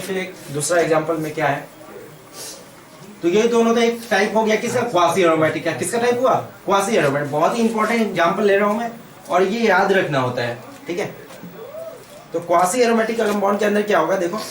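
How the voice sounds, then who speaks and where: A man with an Indian accent teaching chemistry at a board, asking questions and answering them himself while repeating key terms. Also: sits high. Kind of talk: whiteboard lecture. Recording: echoey room, mic far off.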